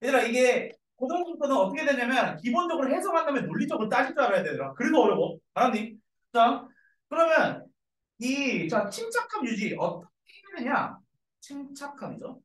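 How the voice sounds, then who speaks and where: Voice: sits high, sing-song, brisk. An English teacher giving a classroom grammar lecture to middle school students, repeating each point and checking in with them often. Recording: echoey room, mic far off.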